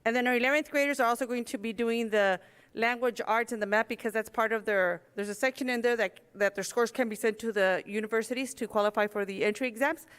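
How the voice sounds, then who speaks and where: A woman's voice: on the high side, steady tone, fast, fairly bright tone, smooth. A woman speaking as a school district official, giving a formal clarification at a public meeting. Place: large indoor board meeting room. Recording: echoey meeting hall.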